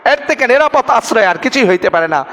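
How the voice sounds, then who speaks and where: A man's voice: extremely high pitch, animated, brisk, a bit bright, in a large hall. A man giving a Friday sermon, telling a story dramatically and acting out the characters' words. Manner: dramatic storytelling, acts out quoted speech. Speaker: preacher.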